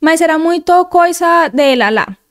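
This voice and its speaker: This Colombian woman's voice is very high-pitched and animated, her delivery a little slow. As a guest in a casual interview chat, she speaks earnestly with a Spanish accent and keeps restarting phrases.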